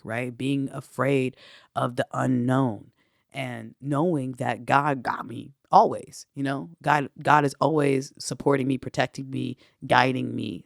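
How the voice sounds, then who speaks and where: A man, a spiritual teacher, telling a personal spiritual story in a reflective way, often filling pauses with "you know". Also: mid-range voice, creaky, dry recording, clean studio sound.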